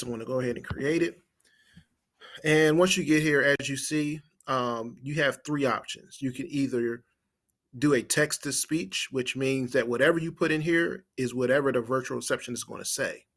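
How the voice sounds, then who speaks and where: A man with a mid-range, fairly bright voice gives an informal screen-share tutorial as a marketing trainer. He explains things step by step and thinks aloud while typing.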